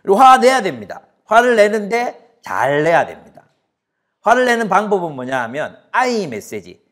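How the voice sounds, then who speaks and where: Lively, animated male pastor preaching. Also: high voice, normal speed. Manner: animated, asks the audience questions, acts out quarrels. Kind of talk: sermon.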